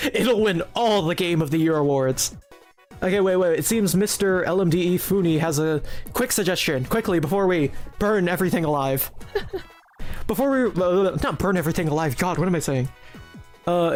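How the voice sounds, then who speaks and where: Streamer, mid-pitched voice, giggly and rambling, mock-serious jokes to chat, faint music underneath. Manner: giggly, rambling, often restarts mid-sentence. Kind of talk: casual live-stream commentary while making a game.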